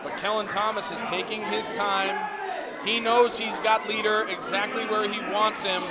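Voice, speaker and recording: Excitable high-pitched male wrestling commentator. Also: normal speed. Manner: excitable, exclaiming calls. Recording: loud venue crowd behind. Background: live crowd.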